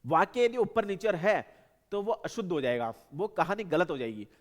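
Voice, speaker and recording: A man gives an exam-prep lecture with a fairly high voice. He explains patiently and drives each point home by repeating it in lists. The sound carries a long, lingering reverb. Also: sing-song, normal speed. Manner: repetitive, explanatory, stresses points by listing. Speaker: teacher.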